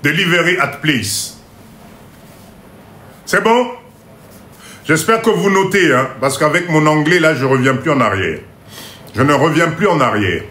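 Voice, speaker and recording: A man giving a live class on import-export, going slowly, repeating each point, checking that everyone follows, and joking about his own English. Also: on the high side, expressive, sharp tone, roomy sound. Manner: mixes in Lingala phrases and jokes about his English. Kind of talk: live online lesson.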